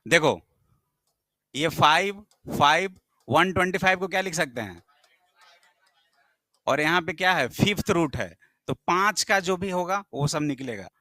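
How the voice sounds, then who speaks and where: A man's voice: on the high side, lively intonation, unhurried, long pauses, sharp tone, dry recording. A male math teacher, lecturing a classroom and firing questions at his students, sometimes scolding them.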